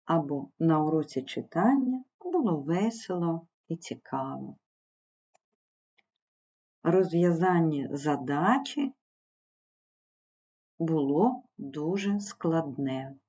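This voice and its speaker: A woman's voice: low voice, expressive, takes it slowly, long pauses, mellow, husky, muffled recording. A woman teacher giving a primary school language lesson, patiently spelling out sounds and syllables. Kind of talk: slow explanatory online lesson.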